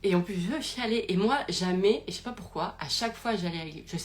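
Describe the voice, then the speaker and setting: A woman's voice: mid-range voice, fast. A young woman telling a personal story in a casual, rambling way, with many fillers and restarts, recorded live on a phone. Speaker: podcast host.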